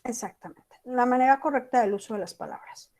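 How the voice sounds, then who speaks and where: A woman's voice: fairly high pitch, a little fast, darkish tone. A woman teacher with a Mexican accent giving an online class, talking casually and acting out example text messages. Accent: Mexican Spanish.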